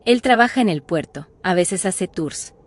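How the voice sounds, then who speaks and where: A woman voicing a carefree married woman who speaks calmly and matter-of-factly in a narrated story. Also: lowish voice, moderate pace, close to an everyday voice. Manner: calm, matter-of-fact.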